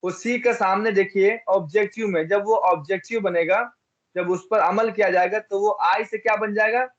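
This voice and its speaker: A man's voice: high voice, steady tone, moderate pace, a bit bright, dull audio. A man from India teaching an English grammar lesson, repeating each example and asking and answering his own questions.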